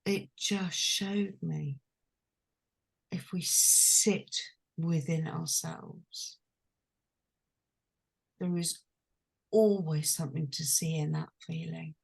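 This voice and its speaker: A woman from London, a transformational coach telling a personal story in a slow, hushed, intimate way. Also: deep voice, steady tone, creaky, slightly rough. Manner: slow, hushed and intimate, dwelling on each phrase.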